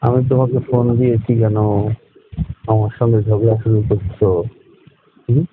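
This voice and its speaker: Evasive boyfriend played by a man, defensive, pleading, mid-pitched, phone-line drama with faint hiss. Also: level tone, moderate pace, close to an everyday voice. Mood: puzzled. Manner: defensive, pleading, repeats questions back. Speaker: boyfriend in staged phone call. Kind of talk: staged phone-call drama.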